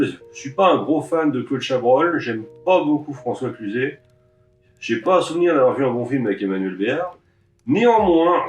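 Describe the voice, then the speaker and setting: A man's voice: mid-range voice, recorded from a distance. A man talks casually through a stack of DVDs, wry and grumbling, with the odd offhand swear. He sits a little back from the mic, in a room with a roomy echo. Faint music plays behind him. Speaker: DVD collector vlogger.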